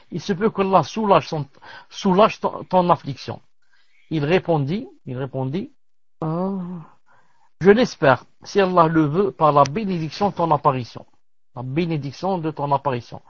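A man teaching as he reads aloud from a classical religious text, pausing to comment and dropping in Arabic religious terms. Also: fairly high pitch, no echo. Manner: measured reading with pauses and Arabic religious terms. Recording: dull lo-fi dry recording.

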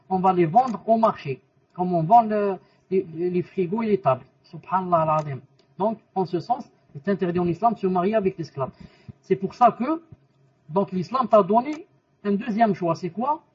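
A man with a high, husky voice teaches a religious lesson, posing questions and repeating the answers while weaving in Arabic terms and quotations. His voice sounds muffled and distant.

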